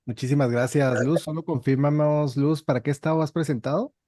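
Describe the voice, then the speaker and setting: A man's voice: on the high side, steady tone, fairly quick, mellow, no room sound, studio quality. A man who teaches insurance exam prep, interviewing a student and encouraging her with checking questions.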